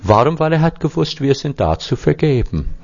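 A man's voice: fairly high pitch, sing-song, moderate pace, gravelly, a little mellow. Man preaching with wry humor, dull recording. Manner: teaching, with wry humorous asides. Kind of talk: sermon with Bible reading. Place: church hall before a seated congregation.

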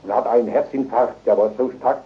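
An older man preaching a fervent revival sermon, emotional and surging to loud, high exclamations, on a dull old tape recording. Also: a little fast.

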